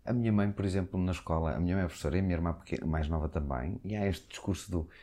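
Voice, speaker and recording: A man's voice: low voice, racing, warm tone. A man from Portugal speaking European Portuguese, hosting a casual conversation and building long arguments. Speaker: host.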